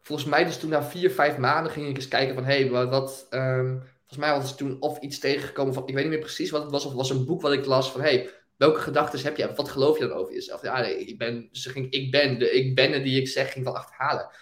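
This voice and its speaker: A young man speaks as an interview guest, moving through his story with animated energy and easy laughter. His voice sits in the middle range and carries the ring of an echoey room. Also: mid-range voice, fast talker, hardly any pauses. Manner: animated storytelling, laughs often, fillers like "weet je wel". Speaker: guest, business owner. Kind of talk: casual interview talk.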